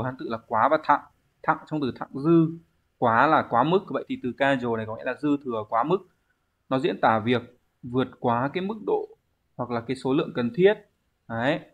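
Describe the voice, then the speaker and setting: A man's voice: medium pitch, dull audio. A man, teaching a language exam review lesson, explaining step by step and answering his own questions.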